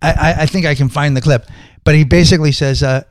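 A man co-hosts a casual chat in a fairly high voice. He rambles and restarts, with lots of quick agreement. The recording is dry and close. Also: fairly even intonation, no room sound. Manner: rambling, restarts, frequent "right". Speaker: podcast co-host.

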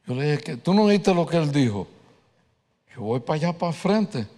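A man preaching a sermon, telling a personal story with animated delivery and slipping in English words. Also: a little high, normal speed. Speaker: pastor. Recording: reverberant hall.

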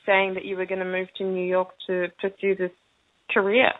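A woman's voice: medium pitch, monotone, normal speed, dry recording, phone-quality sound. A woman interviewer asking short, friendly questions in a casual phone chat.

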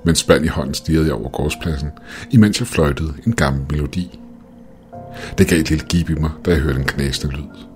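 Very deep-voiced male storyteller. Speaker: narrator. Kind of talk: scripted first-person storytelling. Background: faint music.

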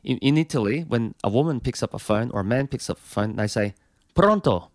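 A man's voice: medium pitch, fast talker, darkish tone, no room sound, clean studio sound. A touring musician, a man, telling a long anecdote with a rambling manner full of fillers and restarts.

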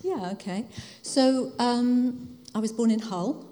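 A woman in her 50s or older from Hertfordshire, England, with a Home Counties accent, speaks as a guest at an interview. She's a spiritual director, explaining things to an audience reflectively and conversationally in a slow, dark-toned, rather high voice, recorded in a reverberant hall.

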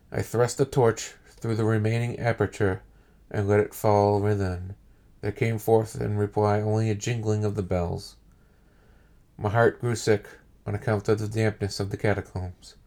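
A man hosting a podcast, reading a horror story aloud with deliberate, measured phrasing and pauses. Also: lowish voice, dark tone. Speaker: podcast host and reader.

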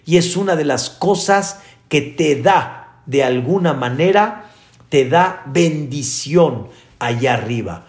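Slow, animated rabbi in an echoing room. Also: male voice, a little high. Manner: animated storytelling, asks listeners rhetorical questions. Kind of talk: sermon. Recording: echoey room.

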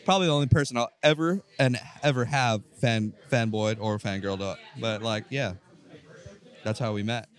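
A man's voice: medium pitch, moderate pace, clean tone. A man from Hawaii, a graffiti artist, telling a rambling story in casual slang. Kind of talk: casual interview.

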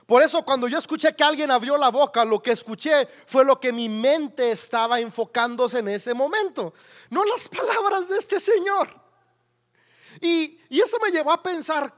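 High-voiced Mexican pastor telling a story. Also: male voice. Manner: animated, conversational storytelling with rhetorical questions. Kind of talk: sermon with a personal story.

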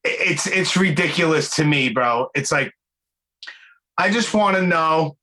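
Bright, forceful Brooklyn guy in his forties. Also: on the high side, unhurried. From Brooklyn, New York. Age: 40s. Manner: excitable, slangy, profane. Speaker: podcast host. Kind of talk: casual interview chat.

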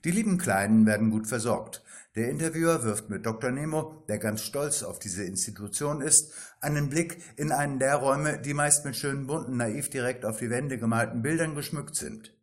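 Brief: male narrator for a weekly satirical audio story, dry and ironic, average pitch. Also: normal speed, hardly any pauses. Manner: dry, ironic storytelling that reads every part himself.

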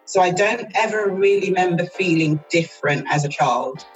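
A woman, a guest on an interview podcast. She talks in a relaxed, chatty and thoughtful way and laughs often. Faint music runs underneath her voice. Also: on the low side, moderate pace, lo-fi sound. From South East London, England. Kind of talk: casual interview chat.

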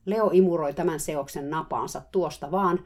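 A woman's voice: deep voice, a little mellow. A woman telling a diary-style story in a wry, matter-of-fact way. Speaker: narrator.

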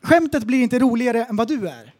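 A man co-hosting a casual podcast, telling funny stories in an animated way and acting out what people said. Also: very high-pitched. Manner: animated storyteller, acts out quotes. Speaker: podcast co-host. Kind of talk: casual comedic podcast chat.

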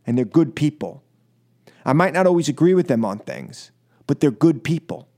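Pitched on the high side and darkish in tone, the American host's voice is very animated at a moderate pace. He's in a radio studio delivering an impassioned, exasperated political monologue, stressing points through repetition.

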